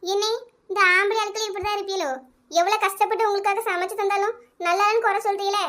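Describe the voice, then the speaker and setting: Shrill, quick-talking housewife, as a woman plays her, indignant, comic skit. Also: flat delivery, bright, forceful tone. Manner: shrill, quick, arguing back. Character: indignant village housewife defending her cooking. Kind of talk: comic village skit acting.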